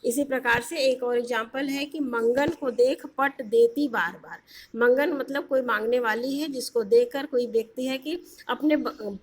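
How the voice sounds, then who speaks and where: A woman teacher explaining a lesson, posing questions to her students and pausing with fillers. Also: high voice, slight background noise.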